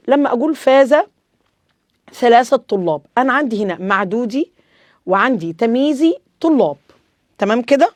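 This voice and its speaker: A woman's voice: on the high side, a little mellow, dry recording. A woman with an Egyptian accent teaching an Arabic grammar lesson, asking questions and answering them herself, repeating the rules.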